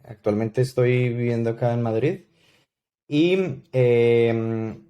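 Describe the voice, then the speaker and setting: A man in his thirties with a Colombian accent, a podcast guest who tells his story slowly, with many fillers and restarts. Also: mid-range voice, highs cut off. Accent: Colombian Spanish. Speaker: guest consultant. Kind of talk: podcast interview.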